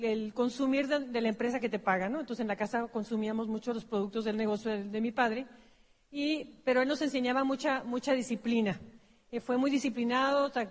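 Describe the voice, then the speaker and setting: A woman with a Mexican accent presenting a business seminar, telling her story casually with self-corrections. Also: on the high side. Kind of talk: personal storytelling on stage. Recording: long hall reverb.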